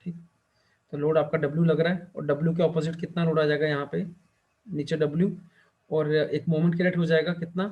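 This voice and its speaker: A male teacher lecturing a class, who keeps asking the students questions and fills his pauses with the same short check-in phrase. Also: fairly high pitch, little pitch movement, phone-quality sound. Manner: quizzes students and fills pauses with "theek hai".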